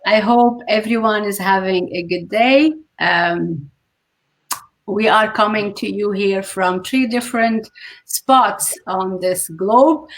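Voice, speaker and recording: A woman, hosting a casual talk show over a video call and pausing often on fillers. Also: medium pitch. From Lebanon. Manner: unhurried, many filler pauses. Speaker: host.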